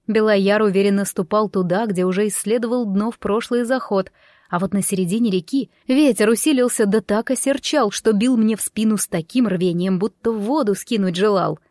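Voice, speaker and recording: A woman's voice: mid-range voice, a little fast, darkish tone, dry recording, studio quality. A woman narrating a fairy tale audiobook in first person, reading expressively and giving the characters their own voices.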